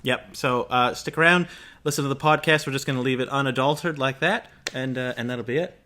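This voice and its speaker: A man's voice: medium pitch, fairly quick, bright, forceful tone. A man from Canada hosting a podcast, upbeat and chatty in a loose, casual way. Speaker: podcast host.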